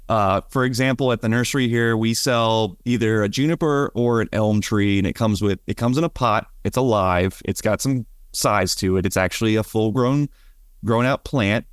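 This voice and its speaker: A man's voice: lowish voice, smooth, no room sound, clean studio sound. A man co-hosting a podcast in casual chat, rambling and chatty with frequent fillers. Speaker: podcast co-host, bonsai nursery worker.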